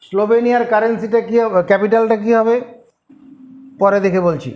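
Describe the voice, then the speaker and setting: A man with a very high voice teaching a class. He repeats every name many times and spells each one out letter by letter, patient and drilling. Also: steady tone, muffled recording. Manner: slow and repetitive, spelling names letter by letter. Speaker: geography teacher. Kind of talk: classroom lesson, spelling names aloud.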